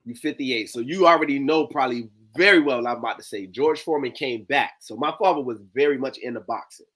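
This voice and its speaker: A man in his forties telling stories in a slangy, animated, conversational way on a video call. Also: mid-range voice, fast. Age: 40s. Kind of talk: casual chat.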